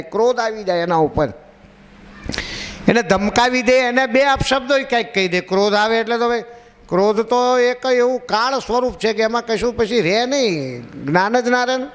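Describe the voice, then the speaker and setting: High-voiced male monk preaching, reverberant. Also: moderate pace, a bit bright. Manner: chatty, questions and teases the audience; acts out short dialogues in stories. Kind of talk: devotional sermon with storytelling. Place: religious gathering in a park. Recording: reverberant public address with faint background noise.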